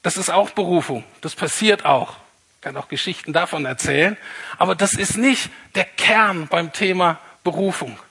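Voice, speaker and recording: Man, pastor, sermon, husky, slightly high voice, conversational. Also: normal speed, pushed and bright. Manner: conversational, repeats key points for emphasis.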